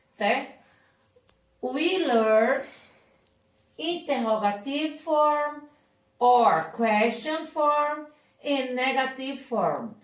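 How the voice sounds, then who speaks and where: Slow, patient woman teacher, echoey. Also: sits high. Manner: slow, patient, often checks understanding. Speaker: English teacher. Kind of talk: remote classroom lesson. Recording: echoey room, far from the mic.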